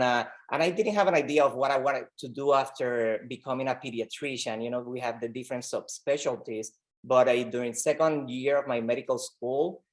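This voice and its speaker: A man from Rico speaks as a podcast guest, in a mid-pitched voice. He talks earnestly and haltingly, often repeating words as he gathers his thoughts. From Puerto Rico. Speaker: pediatric oncologist guest. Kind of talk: conversational interview.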